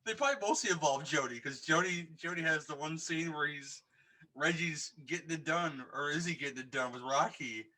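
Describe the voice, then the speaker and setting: A man's voice: a little high, fairly quick, sharp tone. A man co-hosting a casual podcast, talking in a rambling, enthusiastic way with many restarts. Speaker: podcast co-host. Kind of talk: casual podcast chat about horror films.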